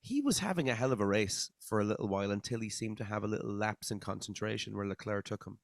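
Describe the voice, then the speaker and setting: A man's voice: on the low side, expressive, fast talker, vocal fry, no room sound, studio quality. A man hosting a racing review panel in easygoing casual chat, handing questions to his co-hosts. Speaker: host.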